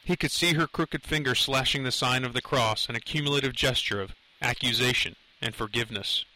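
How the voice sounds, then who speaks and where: A man reading a thriller aloud with a crisp, bright tone and tense drive. His delivery is dramatic, often jumping upward in pitch on tense moments. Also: a little fast, low-quality recording. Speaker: narrator. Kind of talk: audiobook narration of a thriller.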